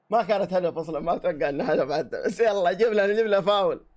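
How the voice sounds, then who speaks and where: A man's voice: sits high, darkish tone. A man giving a live football match reaction, exclaiming and heckling the players into his own microphone. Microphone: own desk microphone.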